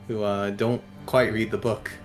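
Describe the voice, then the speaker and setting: A man's voice: fairly low pitch, level tone, unhurried, faint music behind. A man playing a tabletop game, bantering casually in a dry, wry way.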